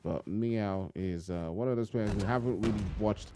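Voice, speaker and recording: This man's lowish voice moves at a moderate pace as he does live play-by-play for a mobile shooter tournament. As an esports caster, he addresses viewers in long running phrases with casual asides. The stream, picked up on a home streaming mic, carries loud game gunfire and clicks behind him.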